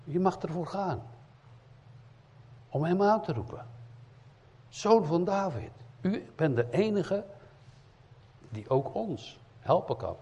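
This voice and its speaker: A male evangelist delivers a sermon with a lively, swooping voice that jumps from loud cries to hushed, earnest asides. His tone is a little husky. The recording is dull and lo-fi, with a long reverb tail from a church hall. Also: sits high, slow pace, long pauses. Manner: emphatic, shifts between loud cries and quiet earnest asides. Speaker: evangelist preacher.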